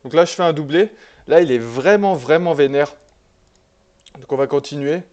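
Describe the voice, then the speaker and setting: A man casually commenting on a replay of his own online game, relaxed and chatty, with many fillers and restarts. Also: on the high side, normal speed.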